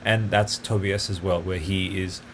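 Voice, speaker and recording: Man, fairly low voice, solo podcast host, rambling, enthusiastic, faint hiss behind. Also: fairly even intonation, moderate pace. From grew up partly in Italy. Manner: rambling, enthusiastic, many fillers and tangents. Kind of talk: casual solo podcast talk.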